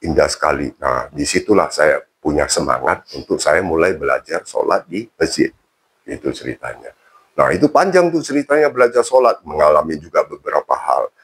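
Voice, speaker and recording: A man's voice: deep voice, creaky, breathy edge. A man telling his own conversion story in a casual interview, chatty and self-mocking. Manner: chatty, colloquial, self-mocking, many fillers.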